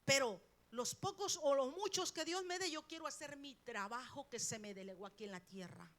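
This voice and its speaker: A middle-aged woman preaches from the pulpit, her voice high and bright with a sharp edge. She presses her points hard, jumping from loud emphasis to hushed lines. She keeps turning to the congregation with questions. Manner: emphatic, swings between loud peaks and quiet drops, rhetorical questions. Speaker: preacher, pastor's wife. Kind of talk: sermon. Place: church sanctuary.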